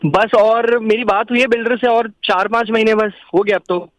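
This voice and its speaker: Polite, higher-voiced man on a call. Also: steady tone, normal speed, no room sound, poor audio. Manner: polite, agreeable. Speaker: prank call target.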